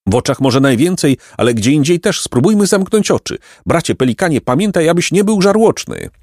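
Wailing greedy storybook pelicans, high and whiny, a man voicing them. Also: big pitch swings, a little fast, a little mellow, no echo, studio quality. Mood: whining. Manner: whining, theatrical lamenting.

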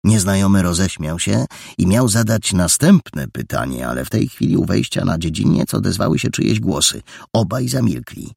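A man narrating a children's adventure story in an expressive, dramatic reading. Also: low voice, normal speed, vocal fry, breathy edge, no echo, studio quality. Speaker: audiobook narrator.

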